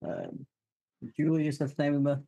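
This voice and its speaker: A man playing a tabletop game, speaking haltingly with many fillers and restarts. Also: fairly high pitch, wildly swooping pitch, gravelly, mellow, dry recording, highs cut off. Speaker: player. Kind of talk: casual tabletop game talk, partly in character.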